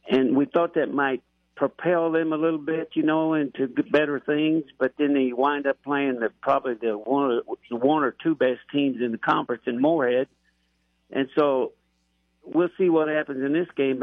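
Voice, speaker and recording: A man's voice: medium pitch, dry recording. A man talking over a tinny phone line. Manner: halting, with many fillers and restarts. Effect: heard over a phone line. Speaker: radio co-host. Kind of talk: casual sports talk. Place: hospital.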